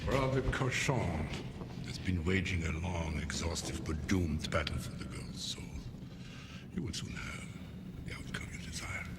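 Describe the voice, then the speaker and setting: A man playing a grave, calculating medieval inquisitor, speaking in a measured, formal, insinuating way in a film drama. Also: lowish voice, expressive, long reverb tail, heavy background noise, lightly acted. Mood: dry, assuring.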